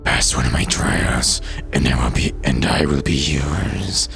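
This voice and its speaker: A man voicing a strange, solemn cave beast in a slow, raspy, breathy growl for a game. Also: rumbling low, fairly bright tone, soft background music, voice pushed down, full character voice. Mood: ominous, commanding. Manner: slow, ominous.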